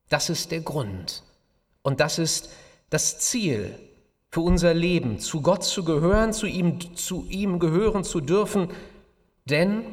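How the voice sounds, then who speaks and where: A man preaching a sermon as pastor, in a slow, measured delivery with emphatic pauses. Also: fairly high pitch. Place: church. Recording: long church reverb.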